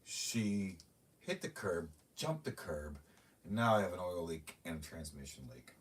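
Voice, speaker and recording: Middle-aged male streamer, lowish voice, ranting chat, slightly distant mic with faint room noise. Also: expressive, a little slow. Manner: ranting, talks to his cats. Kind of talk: rambling live-stream chat.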